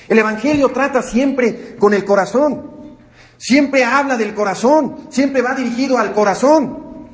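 A man with a Mexican accent preaching a sermon, emphatic and repetitive, stressing key words to a congregation. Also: sits high. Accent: Mexican Spanish. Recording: echoey room sound.

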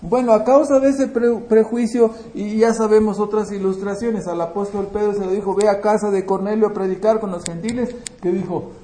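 A man preaching a sermon. He asks the congregation questions and answers them himself, and he swings between loud emphasis and quiet asides, with frequent restarts. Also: high voice, fairly even intonation, a little fast, hardly any pauses, reverberant, poor audio. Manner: frequent restarts and checking "¿verdad?".

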